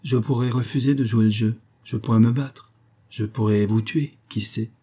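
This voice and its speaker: A man voicing a resigned, self-loathing man in an audiobook, in a flat, defeated tone. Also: mid-range voice, moderate pace, close to an everyday voice. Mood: bitter.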